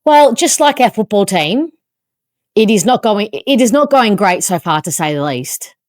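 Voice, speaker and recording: An Australian woman hosting a podcast, telling a story in an animated, self-mocking way. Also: mid-range voice, moderate pace, dry recording, clean studio sound. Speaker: podcast host. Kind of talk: casual chat, storytelling.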